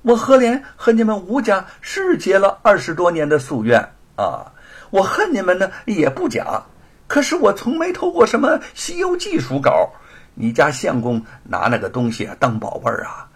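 A man voicing a scheming, sharp-tongued woman villain in a storytelling performance, with a husky voice. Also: wildly swooping pitch, moderate pace, full character voice. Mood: sneering. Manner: mocking, shrill, then cowering.

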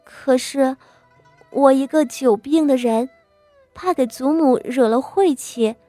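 A woman's voice: high-pitched, takes it slowly, dark tone, soft background music, pitched above the performer's own voice. A woman voicing a timid, sickly young noble girl who speaks meekly and stammers a little. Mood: meek, pleading. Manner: meek, hesitant, stammering.

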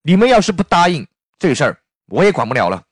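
A man's voice: fairly high pitch, big pitch swings, fast, no echo, clean studio sound. A man telling it as a stern reluctant general. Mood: commanding. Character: reluctant general, a man pressed to take the throne.

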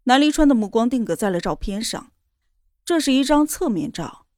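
A woman reading a romance novel aloud in a steady, even storytelling voice. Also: a little high, normal speed, no echo, clean studio sound. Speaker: narrator. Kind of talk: scripted novel narration.

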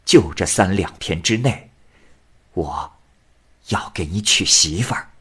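A man voicing a kindly, shrewd old woman, soft and motherly in tone. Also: deep voice, animated, slow, husky, full character voice. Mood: coaxing.

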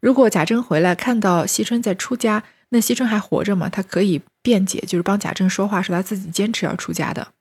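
Woman, storyteller, classic novel narration, husky, breathy, steady retelling. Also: mid-range voice, fairly quick, few pauses. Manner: steady retelling, lightly acting out speech.

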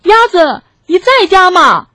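A woman voicing a loud, eager grey wolf in a children's story, calling out at full voice. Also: high voice, sing-song, moderate pace, no room sound, voice pushed up. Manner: shouting.

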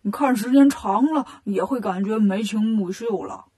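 A woman's voice: medium pitch, normal speed, warm tone, breathy edge, voice pushed down, close to an everyday voice. A woman voicing a greedy, clumsy male pig-monk in a children's storybook, eager and boastful.

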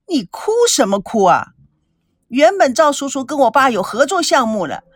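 A woman voicing a sharp, scolding young rich woman. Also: high-pitched, no room sound, studio quality. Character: spoiled angry young rich woman interrogating. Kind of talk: audiobook character reading.

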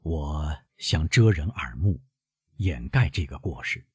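A smug, low-voiced older major, hushed and self-satisfied, as a man acts him out in an audiobook. The voice sits very deep and husky, and it sounds dry and close. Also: lively intonation, slow, dry recording, exaggerated voice. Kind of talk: audiobook character reading.

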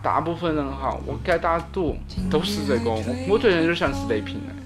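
A man's voice: on the high side, animated, fast. A man with a Sichuanese accent chatting casually and emphatically, arguing his opinions. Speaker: talk show panelist. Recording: prominent music behind the talk. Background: music.

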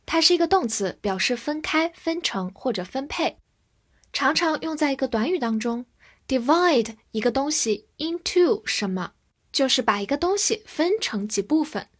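A young woman teaching English vocabulary, spelling each word out letter by letter and reading example sentences slowly. Her first language is Chinese. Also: high voice, expressive. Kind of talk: vocabulary lesson, spelling and slow model reading.

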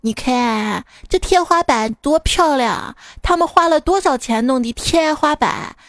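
A woman's voice: high-pitched, lively intonation, a little slow, fairly bright tone, no echo, clean studio sound. A woman voicing a smug, mocking fly in a comic animal joke, sneering and drawn out.

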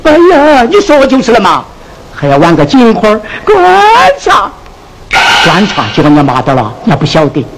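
An actor playing a sharp-tongued comic innkeeper in a Sichuan opera, with a Sichuan accent, scolding in a sing-song way. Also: mid-range voice, wildly swooping pitch, normal speed. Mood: mocking. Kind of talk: Sichuan opera stage acting. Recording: noisy 1970s film soundtrack.

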